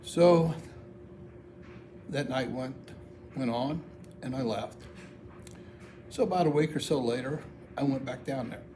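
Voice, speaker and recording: American man storytelling over clear background noise. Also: mid-range voice, unhurried, long pauses, dark tone. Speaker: amateur video storyteller. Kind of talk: personal storytelling, casual monologue.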